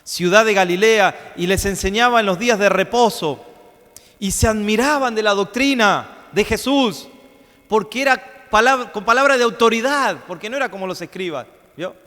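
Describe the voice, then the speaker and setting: High-pitched guy preaching, repeats lines and drags them out for emphasis, big echoey church sound. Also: normal speed, a bit bright. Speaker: pastor. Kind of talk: sermon.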